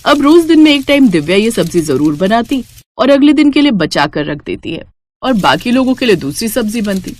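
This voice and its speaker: Expressive woman narrating a cartoon story. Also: a little high, brisk.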